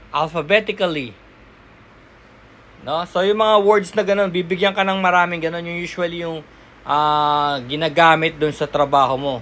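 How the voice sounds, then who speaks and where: A chatty man with a high voice explains things loosely, as a job-application coach. He leans on everyday examples and keeps checking in with quick tag questions. Faint room noise hums under the talk. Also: fairly bright tone.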